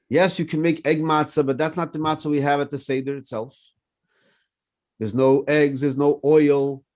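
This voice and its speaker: A French-speaking rabbi in his fifties gives a spirited morning class in a slightly high, up-and-down voice. He draws on personal stories and keeps asking his listeners questions.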